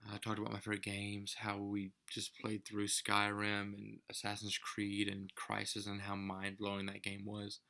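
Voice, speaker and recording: A man's voice: on the low side, monotone, moderate pace, creaky, hardly any pauses, bright, forceful tone. A young man talking casually to camera as a vlogger, rambling with some mock-grand theatrical turns.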